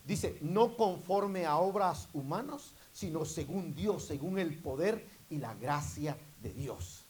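A man preaching a sermon to his congregation, repeatedly calling out to them and rising into loud, emphatic bursts. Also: on the high side, lively intonation, takes it slowly, low-quality recording.

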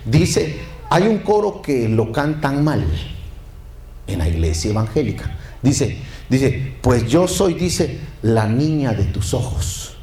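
Lively preacher in an echoey church. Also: male voice, mid-range voice, slow pace. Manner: lively, calls to the congregation for amens. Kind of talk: sermon.

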